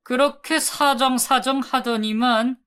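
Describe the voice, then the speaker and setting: Thug debt collector, male, menacing and loud, put on by a woman narrator, bright crisp tone. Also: high voice, steady tone, unhurried, voice pushed up. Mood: shouting. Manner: threatening, yelling.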